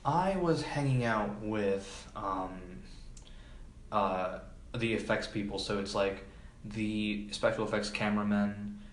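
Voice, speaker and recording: A man who works as a film production assistant speaks slowly in a lowish voice as a podcast guest. He's casual and unsure, using plenty of filler words, in an echoey room with background noise.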